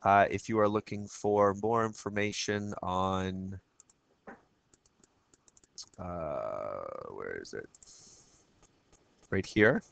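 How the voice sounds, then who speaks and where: A man with a froggy, croaky voice giving a casual screencast tutorial as a teacher, chatting through each step and often checking in with "okay?". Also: low voice, expressive, drawn-out words, long pauses, fairly bright tone.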